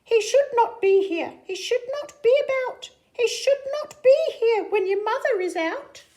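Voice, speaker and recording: A woman's voice: very high-pitched, animated, a little slow, dark tone, voice pushed up. A woman voicing an anxious, scolding little pet fish in a children's storybook, protesting in a frantic, indignant way. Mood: alarmed, scolding. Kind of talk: animated children's storybook reading.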